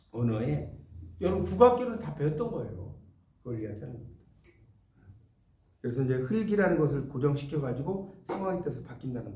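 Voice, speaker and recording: A man's voice: on the high side, mellow. A middle-aged man giving a lecture on Korean spelling, explaining patiently and checking in with his students through questions. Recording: echoey room from a distance.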